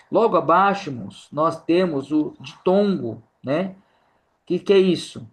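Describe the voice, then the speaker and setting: Brazilian male teacher, slightly high voice, patient step-by-step explainer who keeps checking in with the class. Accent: Brazilian Portuguese. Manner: unhurried, explains step by step, often ends phrases with a checking tag. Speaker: Portuguese grammar teacher. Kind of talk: church course lesson.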